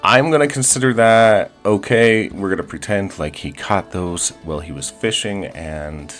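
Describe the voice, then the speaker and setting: Over faint background music, a man with a low, somewhat bright voice talks at a normal pace while playing a life-simulation game. He's a chatty, upbeat gaming host who stumbles through fillers and restarts and plays at pirate speak.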